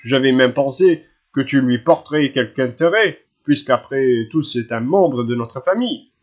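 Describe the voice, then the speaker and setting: A man's voice: medium pitch, normal speed, muffled recording, natural voice. A man voicing a genial, hasty older general in an audiobook, with an affable, reassuring manner. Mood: placating. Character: hurried, genial older general, husband and father. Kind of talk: audiobook character reading.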